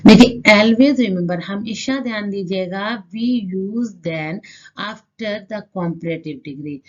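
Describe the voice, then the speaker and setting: A woman teaching an English grammar lesson in Hindi. She reads rules out slowly, sounds out words syllable by syllable and keeps asking rhetorical questions. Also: mid-range voice, darkish tone, muffled recording. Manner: repeats rhetorical questions to the class.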